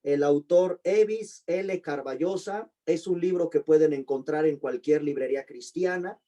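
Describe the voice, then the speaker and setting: A man with a mellow voice that sits a bit above the usual male range, teaching an online class. He says each term slowly and more than once, spells out the letters, and puts questions to his students. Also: fairly high pitch. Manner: slow, deliberate spelling-out of terms. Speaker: pastor and teacher.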